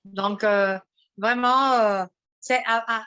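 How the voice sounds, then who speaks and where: A bright-voiced woman from Mexico whose first language is Spanish tells a personal story as a guest in a casual interview, animated but with many restarts. Her voice is on the high side, smooth and slow, in lo-fi sound.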